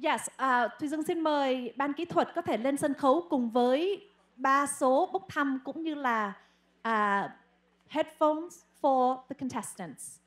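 A woman hosting a pageant on stage, switching between Vietnamese and English and building excitement as she announces. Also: high-pitched, a little slow. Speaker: pageant emcee. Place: live event stage.

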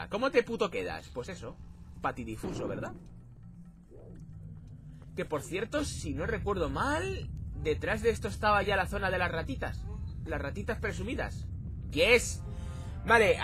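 Excitable swearing gamer guy. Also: sits high. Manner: excitable, swears a lot, shouts at the game. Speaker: let's play host. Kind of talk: let's play commentary.

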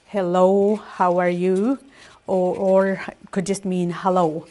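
A woman's voice: lowish voice, flat delivery, takes it slowly, dark tone. A middle-aged woman from Canada teaching a language lesson in a classroom, pronouncing words as in a dictionary, syllable by syllable and then whole. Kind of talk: language lesson, reading and translating word by word. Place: classroom at a whiteboard, indoors. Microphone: camera a few feet away.

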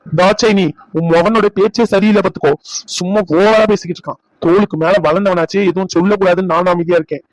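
A man voicing a stern, angry old father in a cartoon family drama, scolding loudly. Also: high voice, steady tone, fast, no room sound, lightly acted, low-quality recording. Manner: shouting, scolding. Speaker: voice actor. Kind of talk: cartoon dub acting.

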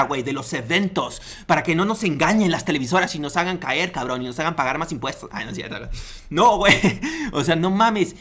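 A man's voice: high voice, a bit bright. A young man with a Mexican accent giving crude, slangy, mocking commentary on a video. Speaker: online commentator.

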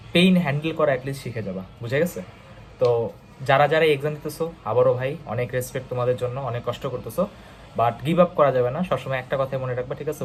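A man's voice: mid-range voice, a little hiss or hum. A young man with a Bangladeshi Bengali accent giving a casual exam-prep lesson, talking like a big brother and often checking "okay?" with his students. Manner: chatty, big-brother tone, calls himself bhaiya; fast, frequent "okay?" check-ins. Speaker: online tutor.

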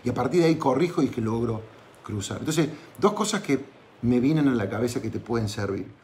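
A man's voice: mid-range voice, animated, a little fast, a little mellow. A man with an Argentine accent telling a personal story as motivational advice, chatty, often checking in with tag questions and restarting phrases. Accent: Argentine Spanish. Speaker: entrepreneurship podcaster.

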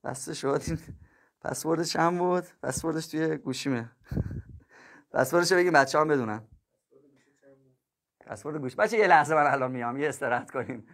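With a voice pitched slightly higher than usual, a man plays the math teacher on a relaxed livestream, chatting loosely, joking and laughing easily while calling his students kids and dear ones. His delivery is creaky and fairly bright, broken up by long pauses.

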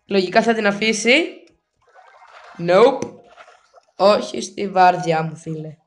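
Excitable high-voiced male gamer. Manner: excitable, self-mocking, mixes English exclamations. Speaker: mobile game player. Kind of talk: gameplay commentary.

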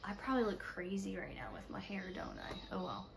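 A young woman with a raspy, stuffy voice from allergies, chatting casually to viewers in a home vlog, tired. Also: medium pitch, sing-song, fairly quick, noisy background. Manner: chatty, talks to viewers while ordering online. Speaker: vlogger, mother. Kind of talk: casual day-in-the-life vlog. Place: home, indoors.

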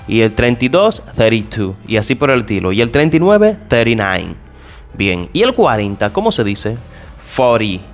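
A male English teacher with a lively, rising and falling voice, talking directly to his listeners. He asks questions and answers them himself, and says each example word lower and softer. Faint music plays under him. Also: normal speed. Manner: addresses listeners directly and informally. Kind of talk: spoken language lesson.

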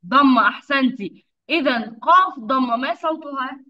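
A woman teaching young children over a video call, with patient, drawn-out enunciation and frequent praise. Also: sits high. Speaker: kindergarten teacher. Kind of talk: online phonics lesson for young children. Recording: dull lo-fi video call audio.

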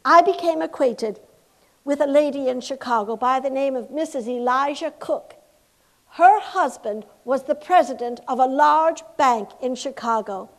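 A woman playing a determined 1860s governor's wife. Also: high voice. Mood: solemn. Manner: solemn, impassioned period oratory with slow, deliberate emphasis. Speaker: historical reenactor. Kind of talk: first-person historical monologue.

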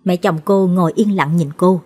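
A woman telling a ghost story as scripted narration, voicing the characters' lines with shifts in pitch. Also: steady tone, moderate pace, a little mellow, slightly rough.

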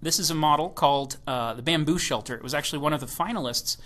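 Bright, upbeat man presenting. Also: on the high side, fast talker. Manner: enthusiastic, joking asides. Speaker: software evangelist giving a keynote. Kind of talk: recorded presentation talk.

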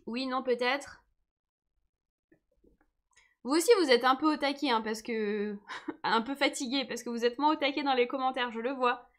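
A woman's voice: sits high, normal speed, pauses often. A woman teaching a live online lesson, patient and encouraging, who says she is tired today. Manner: patient, encouraging, reads comments aloud.

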